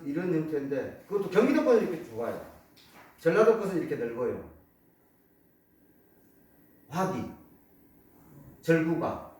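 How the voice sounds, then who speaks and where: A man's voice: on the high side, slight background noise. A man giving a public lecture on folk objects, pointing things out as he explains them. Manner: explains while pointing to objects, many repeated "이렇게"; lively, rising and falling delivery. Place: lecture hall. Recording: very echoey hall, speaker far off.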